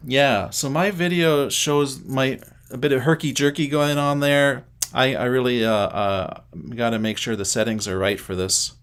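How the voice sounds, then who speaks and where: A man's voice: mid-range voice, steady tone, normal speed, few pauses, a bit bright, clean tone. A middle-aged man from Canada hosting a casual livestream, chatting to viewers by name and thinking aloud as he sets things up. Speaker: livestream host.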